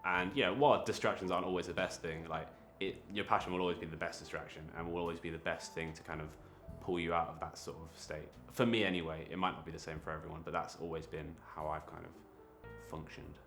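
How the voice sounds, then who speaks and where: A young man talking in a casual, reflective interview, halting often with fillers and restarts. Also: sits low, flat delivery, a bit bright, faint music behind. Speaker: creative interviewee.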